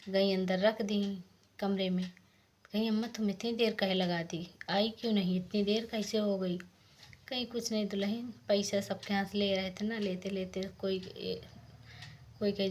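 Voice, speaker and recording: A woman casually narrating a village folk tale, softly voicing the lines of each character. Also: medium pitch, a little hiss or hum. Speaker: storyteller.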